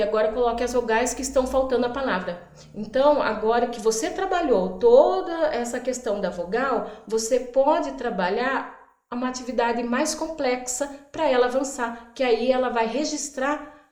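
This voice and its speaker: A woman teacher explaining early literacy activities, sounding out words slowly and acting out her prompts to children. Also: fairly high pitch, darkish tone, reverberant. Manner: stretches out words for demonstration, acts out classroom prompts. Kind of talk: instructional explainer.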